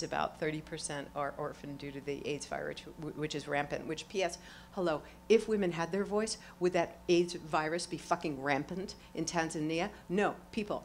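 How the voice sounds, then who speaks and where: Exuberant woman onstage, lowish voice. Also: slight background noise. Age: middle-aged. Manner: exuberant, swings from quiet to loud exclamations, laughs often. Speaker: award honoree speaking onstage. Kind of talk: lively onstage conversation with profanity.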